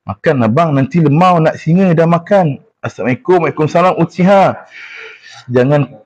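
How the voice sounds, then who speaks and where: A man's voice: a little high, a little fast, darkish tone, dull audio. A young man with a Malaysian Malay accent, chatting casually on a live stream, teasing viewers and reading their comments aloud.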